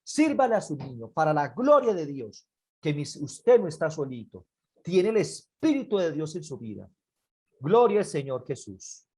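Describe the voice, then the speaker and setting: A speaker teaching a church parenting class, earnest and pleading, who repeats key points and slows down to stress single words. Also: medium pitch, sing-song, dark tone, breathy edge.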